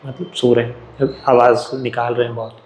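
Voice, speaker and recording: A man's voice: mid-range voice, level tone, fairly quick, darkish tone, echoey room, a little hiss or hum, poor audio. A man with an Indian English accent, teaching an exam revision lesson in a chatty, joking way.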